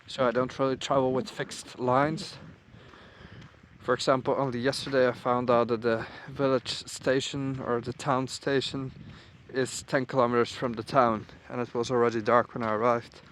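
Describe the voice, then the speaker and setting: A young man vlogging while walking outdoors through a small town, musing aloud in a relaxed, casual way. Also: medium pitch, normal speed, slight background noise. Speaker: travel vlogger. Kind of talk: casual walking vlog narration.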